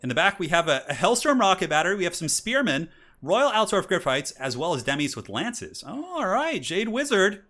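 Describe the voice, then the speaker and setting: With a high, sing-song voice that's brisk, pushed, and bright, a man in his thirties runs a live stream. He laughs a lot while reading donations and chatting, then moves on to casting a strategy game match with energetic intros.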